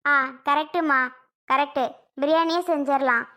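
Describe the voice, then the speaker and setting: A woman putting on the voice of a calm, motherly older woman who gently consoles and reassures others in a family skit. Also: high voice, measured pace, pitched below the performer's own voice. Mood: gentle.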